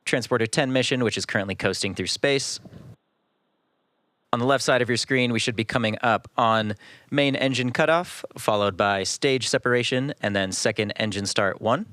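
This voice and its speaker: A man's voice: mid-range voice, normal speed, a bit bright, dry recording, clean studio sound. A man hosting a live launch webcast with composed, informative, explanatory commentary.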